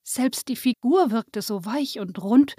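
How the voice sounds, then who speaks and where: A woman reading a children's Christmas story aloud in a calm, clear storytelling manner. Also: fairly high pitch, slow, no room sound, studio quality.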